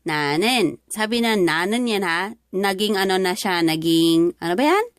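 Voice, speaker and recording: Speaking smoothly at medium pitch and normal speed, a Filipino-accented woman teaches a dialogue in classroom style, breaking it down one word at a time. She switches between languages and leans on lots of fillers. The sound is clean studio audio with no room tone.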